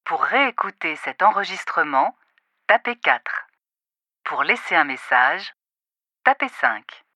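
A woman reads a recorded phone menu at a very slow, deliberate pace. Her tone is bright and a little low-pitched. The sound is dry and close. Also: big pitch swings, no echo. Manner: slow, deliberate, crisp enunciation.

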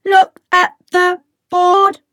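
A woman voicing Zulu, a squeaky flat robot. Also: no echo, clean studio sound, faint music behind, full character voice. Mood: cheerful, bossy. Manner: slow, even, sing-song commands. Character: friendly robot giving classroom commands. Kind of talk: children's English lesson chant.

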